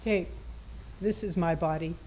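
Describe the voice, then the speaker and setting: A woman's voice: on the low side, unhurried, a little mellow, slight background noise, rough recording. A woman reading a gospel passage formally as a church reader. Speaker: scripture reader at a Good Friday service.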